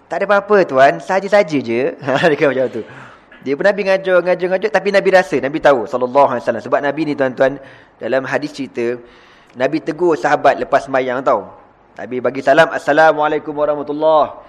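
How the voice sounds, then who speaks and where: A man's voice: mid-range voice, fast talker. A man with a Malaysian accent preaching in a storytelling sermon. He talks in a playful way, chuckles often and addresses his listeners directly. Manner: chants Arabic closing prayers.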